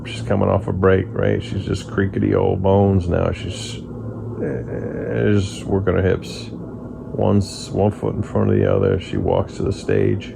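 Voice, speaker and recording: A man rambling casually in a drowsy, unhurried way as if he just woke up, musing dryly and whimsically at home. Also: sits low, gravelly. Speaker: vlogger. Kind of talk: rambling casual monologue to camera. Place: at home on a couch near the kitchen. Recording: loud hum of fridge and air conditioner. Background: humming refrigerator and air conditioning blower.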